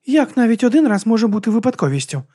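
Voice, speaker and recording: A man doing a drunk, dreamy young woman, pitched up high and loud for a storybook reading. She sounds earnest and a little lost. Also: fairly quick. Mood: bewildered.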